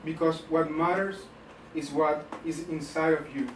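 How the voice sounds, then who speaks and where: Casting note: fairly high-voiced male host, earnest, echoey distant mic. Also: fairly even intonation, measured pace, slight background noise. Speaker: interview host, editor. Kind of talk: scripted opening then interview questions.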